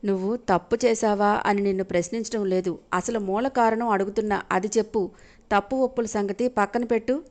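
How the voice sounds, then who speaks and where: A woman's voice: medium pitch, fairly even intonation, fairly quick, darkish tone, lightly acted. A woman voicing a stern old grandmother. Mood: serious. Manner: grave, commanding. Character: stern elderly grandmother, calm and commanding.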